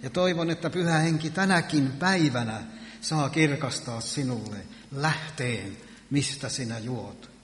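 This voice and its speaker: Man preaching in an echoey church. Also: medium pitch. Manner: earnest preaching with emphatic rises. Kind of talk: sermon. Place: church hall.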